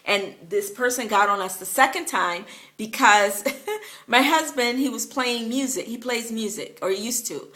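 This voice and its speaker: A woman tells a story straight to camera in a loose, chatty way, full of "uh" and "like" and quick laughs. Her voice sits a bit high and rings bright and crisp, with a lively edge. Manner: chatty, many fillers, laughs while telling. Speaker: vlogger.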